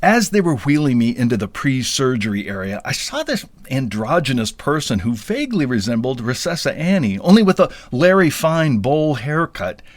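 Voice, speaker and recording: In a dry recording, a Midwestern man with a mid-range, sing-song voice talks at normal speed with few pauses. He's a podcast storyteller sharing a comic personal tale with wry, self-deprecating, playful drama.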